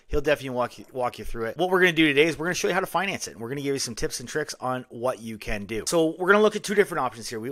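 A man in his forties, a mortgage agent, walking viewers through a screen share in a brisk, salesy, explanatory way. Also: a little high, pushed and bright, no echo, clean studio sound. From Canada.

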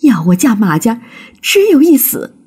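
Brief: a woman playing a young storybook heroine, pleading and emotional, husky tone, slow delivery. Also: on the low side, expressive, a little mellow. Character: young woman, devoted and defiant daughter.

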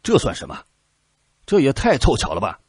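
A man voicing a stubborn young officer who shouts back defiantly at his superior. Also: mid-range voice, huge pitch swings, normal speed, husky, no echo, studio quality, pitched above the performer's own voice, heavily acted.

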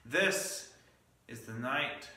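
A man's voice: mid-range voice, animated, extremely slow, pushed and bright. A male pastor preaching a midweek Lenten sermon, telling stories with asides and small restarts. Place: church sanctuary. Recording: echoey church sanctuary, mic at a distance.

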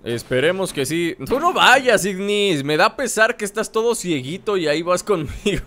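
A man's voice: high voice, big pitch swings, moderate pace. A man giving let's-play commentary, playfully teasing enemies with mock insults. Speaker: gameplay commentator. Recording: loud game music behind the voice. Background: game music and sounds.

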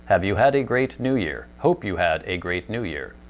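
A man's voice: deep voice, sing-song, moderate pace. A man doing a put-on robot voice as a male robot reading out a viewer's message. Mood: robotic.

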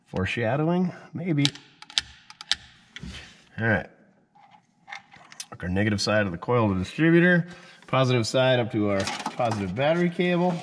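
A man's voice: medium pitch, a little hiss or hum. A man narrating his own car repair in a garage, joking and muttering to himself as he works. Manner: joking, self-mocking, muttering to himself while working. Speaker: mechanic, channel host. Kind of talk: casual first-person workshop narration.

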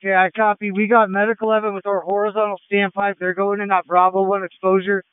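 A man's voice: sits high, monotone, fast, clean tone, no room sound. A man working as a fire lieutenant, giving terse, directive orders in urgent firefighter traffic over a radio. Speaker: fire engine lieutenant on scene. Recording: tinny narrowband two-way radio.

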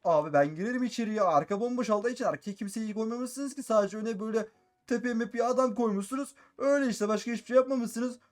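Hyped guy doing minecraft commentary, high voice, talks super fast, repeats everything. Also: soft background music. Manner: excitable, repeats phrases, addresses viewers constantly. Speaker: gaming YouTuber. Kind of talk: Minecraft role-play commentary.

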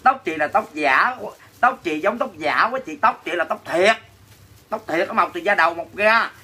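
With a husky, bright, forceful voice that sits high, a Southern Vietnamese-accented man hosts and sells on a livestream. He speaks expressively at a normal speed, reading viewers' comments and responding with teasing, dramatic, mock-complaining banter in a casual selling chat.

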